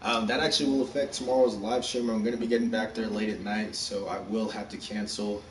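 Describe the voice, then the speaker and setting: A breathless man from Texas hosts a casual, rushed live stream of a basketball video game. His voice sits fairly low and sounds a bit far from the mic. The room around him is echoey, with a faint hum underneath. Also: level tone. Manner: casual, rushed, chatty, upbeat. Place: room at home. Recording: roomy echo, distant mic, faint background hum.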